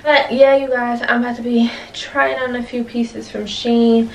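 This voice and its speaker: A young woman vlogger talks straight to her viewers in a slangy, animated way, a little out of breath and pitched fairly high. She sits back from the camera mic, so her voice sounds slightly distant, with a faint hiss of noise underneath. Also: unhurried, gravelly. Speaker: beauty and fashion vlogger. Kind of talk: casual chatty intro to camera.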